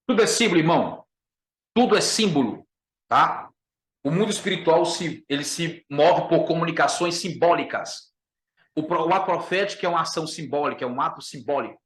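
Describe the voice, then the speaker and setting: A man's voice: on the high side, animated, brisk. A man with a Brazilian Portuguese accent, teaching a Bible lesson as a pastor, emphatic, repeating his key phrases and calling listeners brother. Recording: echoey room.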